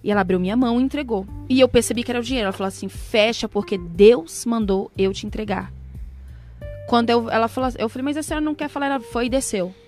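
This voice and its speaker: Animated woman telling a heartfelt story. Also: a little high, very fast, few pauses, faint music behind. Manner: emotional, animated testimony with quoted prayers. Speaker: guest. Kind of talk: casual storytelling.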